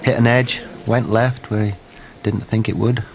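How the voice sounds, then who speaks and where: A middle-aged man giving shot-by-shot live golf commentary in terse, measured, clipped phrases. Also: lowish voice, steady tone, creaky. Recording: noisy outdoor broadcast ambience.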